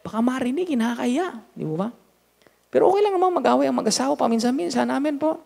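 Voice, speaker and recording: A man with a Filipino accent preaching a lively sermon as pastor, swinging from loud to hushed with joking asides. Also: very high-pitched, quick pace, gravelly. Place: church hall. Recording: long hall reverb.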